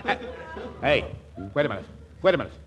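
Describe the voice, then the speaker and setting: Excitable young sidekick, high, lively voice, flustered delivery, noisy old comedy recording. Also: male voice, fairly quick, highs cut off. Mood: panicked. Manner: flustered, stammering, repetitive. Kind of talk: old-time comedy acting.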